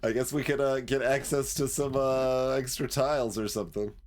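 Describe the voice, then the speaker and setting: A man's voice: medium pitch, steady tone, moderate pace, slight background noise. A man streaming a video game, thinking aloud in a hesitant way with lots of fillers. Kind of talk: casual gameplay commentary.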